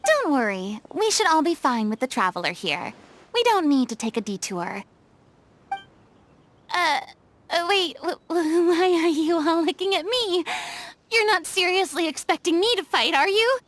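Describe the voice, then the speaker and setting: A woman's voice: sits high, sing-song, moderate pace, a bit bright. A woman voicing a theatrical, boastful young former goddess in a video game, with dramatic, showy delivery. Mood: confident. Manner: dramatic, showy, flustered bluster.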